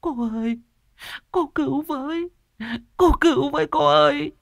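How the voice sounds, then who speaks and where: A woman's voice: measured pace, vocal fry, no room sound, studio quality. A man voicing a frantic middle-aged village woman who sobs and begs shrilly for help. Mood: frantic wailing. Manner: shrill, sobbing pleas.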